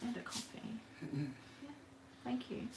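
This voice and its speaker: A woman's voice: on the high side, sing-song, slow pace, creaky, noisy background. A woman chatting casually through a live craft demonstration at her home work table, rambling and greeting viewers by name. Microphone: camera on the work table.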